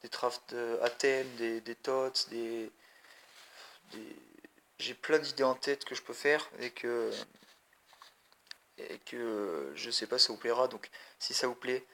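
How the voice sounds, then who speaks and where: Male gaming vlogger, gravelly and bright, chatty and rambling, talks to camera. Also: medium pitch, slow, pauses often, slight background noise. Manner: rambling, chatty, addresses viewers directly. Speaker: mobile gaming video creator. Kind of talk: casual gameplay commentary.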